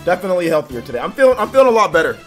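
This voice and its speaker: A man with a high voice and big pitch swings runs a casual livestream, reading viewers' names aloud in quick, upbeat bursts and often laughing. Faint music sits under his voice, and his nose is a little stuffy following an illness.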